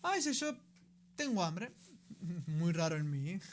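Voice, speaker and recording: A man's voice: on the high side, sing-song, a little slow, slight background noise. A man with a Rioplatense Spanish accent hosting a radio program, giving a conversational teaching talk and often checking in with his listeners.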